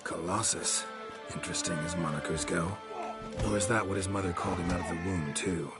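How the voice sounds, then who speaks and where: A man voicing a gruff, weary male monster hunter who speaks in a dry, terse, deadpan way. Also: low-pitched, a little fast, loud music behind the voice, natural voice. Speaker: game protagonist.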